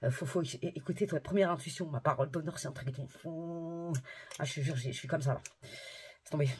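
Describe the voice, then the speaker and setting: A woman's voice: low voice, a little hiss or hum. Chatty woman vlogging, slangy and ranting. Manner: chatty, slangy, quick to rant; addresses viewers directly. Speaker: beauty and haircare vlogger. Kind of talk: casual vlog chat.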